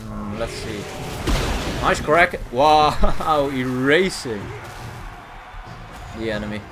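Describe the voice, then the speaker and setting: A man hosting his gaming channel, giving casual play-by-play commentary with frequent chuckles and quick self-corrections. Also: mid-range voice, animated. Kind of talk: live gameplay commentary. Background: game music.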